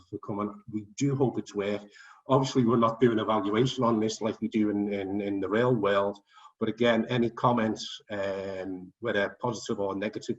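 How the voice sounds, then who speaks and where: A man chairing an online forum, talking in a chatty, joking way with plenty of ums, over a video call. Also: on the low side. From England. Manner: chatty, jokey, full of ums. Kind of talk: online meeting chat. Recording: distant, dull video call audio.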